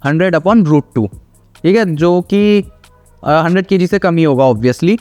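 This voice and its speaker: A man's voice: on the high side, a little slow, a little mellow, soft background music. A man giving casual, teasing commentary on gym videos, explaining technique and often checking in with "theek hai". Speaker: fitness video reactor and host.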